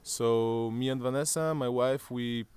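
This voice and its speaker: A man's voice: mid-range voice, steady tone, measured pace, a little mellow, clear, resonant tone. A man in his thirties from Germany with a German accent, interviewed outdoors on a terrace, talking hesitantly with many fillers and restarts. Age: 30s. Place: outdoor terrace above a valley.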